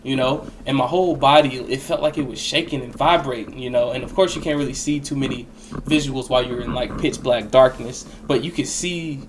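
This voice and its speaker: A young man with a medium-pitched, brisk voice recounts a personal experience in a casual, rambling way, full of slang and swearing. Background noise can be heard.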